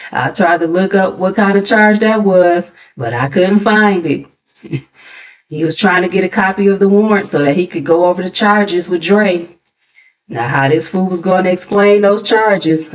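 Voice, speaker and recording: An American woman hosts a gossip channel, her voice a bit low. She recaps in a sassy, casual way, tossing in mocking asides.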